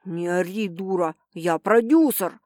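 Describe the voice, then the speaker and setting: A woman voicing a coarse, angry male producer who talks rough and scornful, in a spoken audiobook. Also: on the low side, unhurried, darkish tone, dry recording, studio quality, pitched below the performer's own voice, close to an everyday voice.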